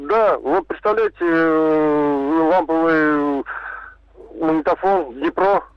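Man, 50, radio caller, halting and rambling, higher voice, dull dry phone sound. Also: clear, resonant tone, dry recording. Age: 50s. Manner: rambling, halting, laughing storyteller. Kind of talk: phone-in chat.

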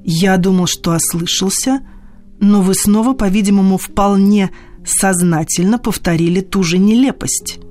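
A woman's voice: medium pitch, moderate pace, a little mellow, soft background music, lightly acted. A woman voicing a pompous, indignant male suitor in an audiobook of comic stories, speaking in a dry, haughty, sarcastic lecturing manner. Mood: stiffly polite.

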